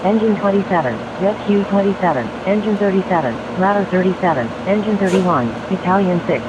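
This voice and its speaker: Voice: mid-range voice, expressive, brisk. A fire dispatcher on a dispatch radio transmission, reading out units and an address in a clipped, repetitive call-out. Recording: lo-fi radio with loud noise.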